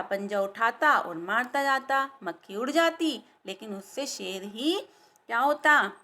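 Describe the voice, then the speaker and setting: A woman teacher tells a story to young children, pausing often to explain words and ask them questions. Her voice sits fairly high and she speaks slowly and carefully. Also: a bit bright.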